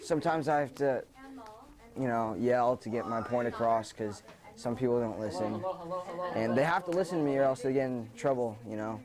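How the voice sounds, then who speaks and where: A teenage male speaks casually and boastfully to an interviewer. His pitch is medium, with clear chatter behind him. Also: moderate pace.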